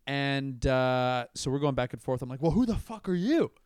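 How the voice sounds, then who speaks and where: A man, a comedian guest on a podcast, telling a rambling story in a deadpan way. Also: medium pitch, normal speed, clear, resonant tone, no room sound, clean studio sound. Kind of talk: casual storytelling.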